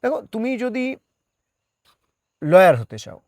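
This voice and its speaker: A man who works part-time as a journalist is a guest in a conversational interview, explaining his views and slipping English words into his speech. His high-pitched, darkish voice swings widely in pitch at a slow pace. The sound is dry, with no room sound.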